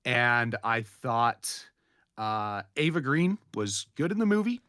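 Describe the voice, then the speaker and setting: A man's voice: medium pitch, very animated, slow, sharp tone, no room sound, studio quality. A man co-hosting a movie podcast, talking in a laid-back casual way. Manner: laid-back, says "man" and "dude" often. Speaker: podcast co-host. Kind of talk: casual chat.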